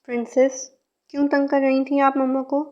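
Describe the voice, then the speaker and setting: Woman doing a soothing gentle friend, high voice, muffled audio. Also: moderate pace, natural voice. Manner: calm, reassuring. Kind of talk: fan fiction reading. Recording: muffled lo-fi recording.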